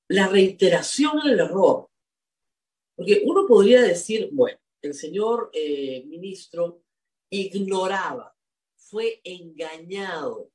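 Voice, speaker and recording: A commentator delivers indignant spoken commentary, pitch swinging widely as they press each point. The manner is scolding and emphatic, with points repeated for effect. The voice sits a little back from the microphone. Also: darkish tone, recorded from a distance. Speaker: political commentator.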